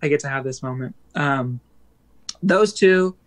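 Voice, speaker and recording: In a relaxed interview, the guest, a man from a band, wanders through his thoughts with plenty of fillers and quick laughs. His voice is mid-range.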